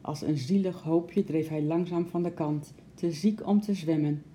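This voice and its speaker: A woman narrating a children's story aloud in a gentle, expressive way. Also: sits low, measured pace, slight background noise.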